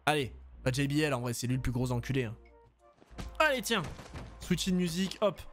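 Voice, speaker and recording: A man giving casual, joking gameplay commentary, animated and quick to swear, with faint game music behind him. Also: on the high side. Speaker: let's play host.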